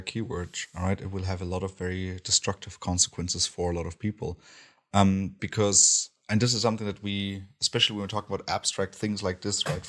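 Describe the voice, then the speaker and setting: A man co-hosting a podcast, talking in a halting way with many fillers and restarts. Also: low voice, fairly bright tone. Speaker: podcast co-host. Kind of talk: casual podcast commentary.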